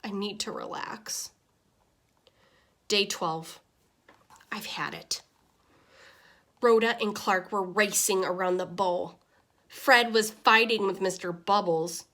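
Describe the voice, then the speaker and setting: Sounding frazzled, a woman at a medium pitch plays a small pet goldfish prone to exasperation as it reads from its diary. It's an expressive, deliberate read-aloud in the style of a children's picture book.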